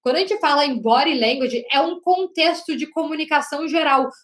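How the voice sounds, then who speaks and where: A woman teaching an online lesson on body language as a communication coach, talking loudly and emphatically and often checking in with the audience. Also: high-pitched, fairly quick. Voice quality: loud, projecting voice. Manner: emphatic, with frequent "né?" and "gente". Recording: roomy echo.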